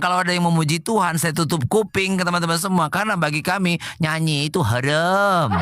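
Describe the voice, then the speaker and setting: A man from Jambi, Indonesia, giving an emotional personal testimony in church, animated and often turning to his listeners as friends. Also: sits high, very noisy.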